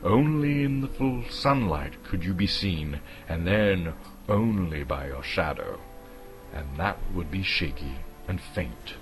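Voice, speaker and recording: An actor from Canada narrates a storybook dramatically, in a deep, expressive voice that moves slowly. He's theatrical and suspenseful, drawing out key words, with music playing in the background.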